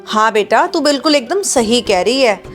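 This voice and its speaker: A woman's voice: fairly high pitch, expressive, moderate pace, soft background music, close to an everyday voice. A woman playing a strict, domineering mother-in-law in a family drama skit, scolding and bossy. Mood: smug.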